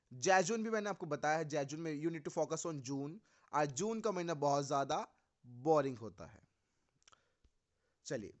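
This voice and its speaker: Young male tutor, Indian English accent, slightly high pitch, lively mnemonic-driven exam vocabulary lesson. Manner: explains with memory tricks, mixing Hindi and English; asks the viewers questions and answers them himself.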